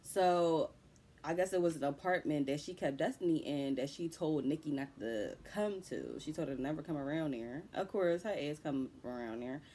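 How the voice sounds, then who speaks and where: Low-voiced woman recapping a movie. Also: animated, moderate pace, dark tone, a little hiss or hum. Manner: loose, profane storytelling full of slang. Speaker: movie reviewer. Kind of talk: casual plot recap.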